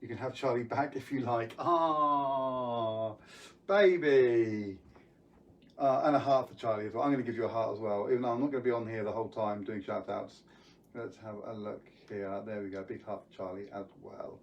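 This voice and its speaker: A man's voice: medium pitch, recorded from a distance. A man hosting a live online magic show from home, chatting casually and greeting viewers by name. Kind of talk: casual live-stream chat.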